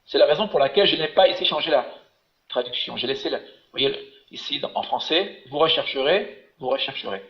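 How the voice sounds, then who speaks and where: Man, patient Hebrew teacher on a webinar, slightly high voice, dull echoey call audio. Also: lively intonation, fairly quick. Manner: patient, encouraging, explains step by step. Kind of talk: online class, teaching.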